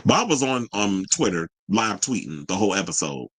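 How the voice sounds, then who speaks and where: A man's voice: fairly low pitch, very animated, moderate pace, a bit bright, breathy edge, dry recording. A man giving casual reaction commentary in a colloquial way, retelling what people said and acting out their quotes. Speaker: commentator recapping a reality show and reading viewer reactions.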